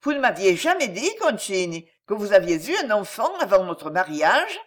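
Woman voicing a fiercely jealous noblewoman; cold, intense, menacing, pitched high. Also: very animated, moderate pace. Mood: reproachful.

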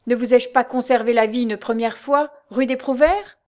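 A woman's voice: a little high, a little slow, a little mellow, natural voice. A woman reading the part of a young woman who speaks with exalted, pleading devotion in a storybook reading. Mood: fervent.

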